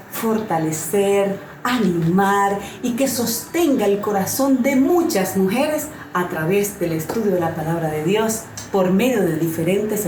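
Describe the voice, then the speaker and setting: A woman hosting a women's devotional series, giving a scripted welcome in a gentle, measured, sincere way. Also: medium pitch, roomy sound, slight background noise, rough recording.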